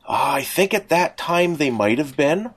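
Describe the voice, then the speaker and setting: This middle-aged podcast co-host has a fairly high, slightly breathy voice with lively intonation and a measured pace. He rambles through casual, nostalgic fan chatter, often restarting mid-thought.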